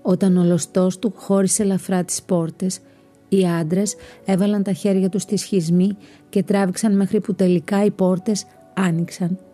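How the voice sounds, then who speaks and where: A woman telling a story in a calm, even scripted narration. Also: mid-range voice. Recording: narration over soft background music.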